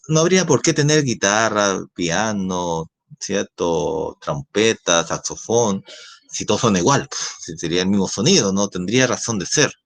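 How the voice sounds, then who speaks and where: A man with a Chilean accent, a science teacher explaining a lesson and often checking in with tag questions. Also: on the low side. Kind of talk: recorded class lecture.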